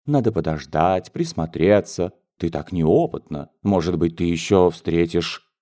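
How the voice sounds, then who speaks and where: Audiobook figure: male narrator reads an anxious, stammering general's wife in a low, mellow tone. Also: measured pace. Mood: flustered. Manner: fretful, hesitant, flustered. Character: flustered middle-aged mother, a general's wife.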